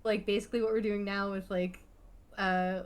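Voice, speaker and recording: A woman's voice: mid-range voice, little pitch movement, normal speed, smooth. A woman co-hosting a casual podcast chat, giggly and hesitant, with lots of "like" fillers. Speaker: podcast co-host.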